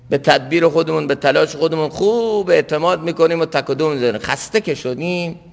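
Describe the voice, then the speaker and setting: A man preaching a sermon, emphatic, rising to raised exhortation and dropping to low murmurs. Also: gravelly. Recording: reverberant hall.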